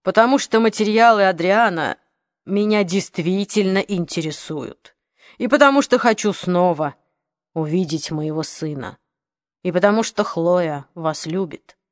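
A woman reading the part of an aging gangster, speaking slowly and coldly in a lowered voice. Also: dry recording, studio quality, close to an everyday voice. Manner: slow, measured, menacing. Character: aging old gangster, cold and menacing man.

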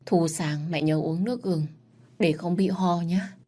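A woman's voice: lowish voice, a little slow, mellow. A woman voicing a tortured young prince in a read-aloud story, speaking in an earnest, pleading way. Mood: tender. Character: tortured young prince, defiant then tender.

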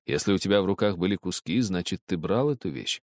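A strict father with a low, cold and stern voice, as a man puts him on. he delivers his lines firmly in a dry, close sound. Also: animated, fast talker, darkish tone, dry recording.

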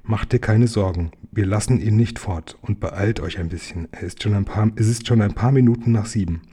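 A man's voice: lowish voice, brisk, dark tone, breathy edge. A man voicing a brash, bossy street boy who leads a gang, in a storybook reading. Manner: bossy, cheeky.

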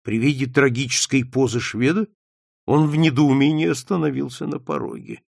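Gravelly man reading an audiobook. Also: medium pitch, normal speed, darkish tone, no room sound, studio quality. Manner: dramatic, vivid reading. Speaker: audiobook reader. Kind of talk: expressive audiobook narration.

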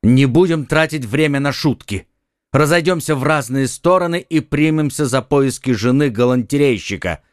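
A man voicing a quick-witted young swordsman in an audiobook, urgent and commanding. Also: medium pitch, no echo, clean studio sound, pitched above the performer's own voice, lightly acted.

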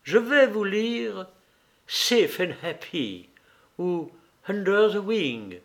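A man's voice: high voice, big pitch swings, drawn-out words, voice pushed up, full character voice. A man voicing a fervent, pious aristocratic countess who speaks emphatically.

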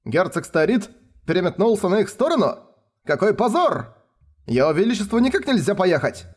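A man's voice: big pitch swings, normal speed, slightly rough, heavily acted. A man voicing a group of alarmed male nobles crying out in raised, indignant voices. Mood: outraged. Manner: shrill, indignant outcry.

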